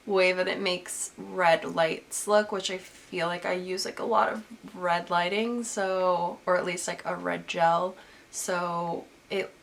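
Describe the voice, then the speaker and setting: This casual vlog features a young woman just getting over being sick, her stuffy voice fairly low, a bit bright and edged with vocal fry. She answers viewer questions on photography in a rambling way, full of "like" and restarts, recorded on the camera's built-in mic.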